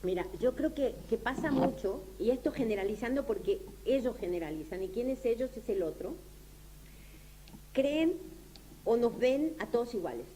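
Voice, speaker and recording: Her voice is mellow with lively intonation as this woman from Latin America lectures casually and takes questions from the audience. She hesitates, says things more than once, and makes sure people understand, all on a low-quality recording with noticeable background noise and a faint hum.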